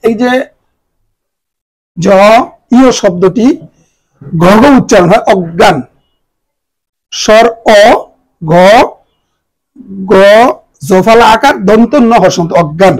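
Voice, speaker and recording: A man teaching a grammar lesson to students, spelling out the pronunciation of words slowly, letter by letter. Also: high-pitched, a little mellow, poor audio. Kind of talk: exam-prep grammar lesson.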